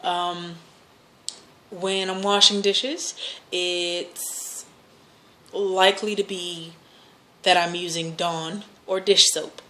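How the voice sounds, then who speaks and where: A woman's voice: on the low side, little pitch movement, extremely slow, long pauses, pushed and bright. An American woman chatting casually and answering questions, rambling and hesitant as she corrects herself. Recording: noticeable background noise.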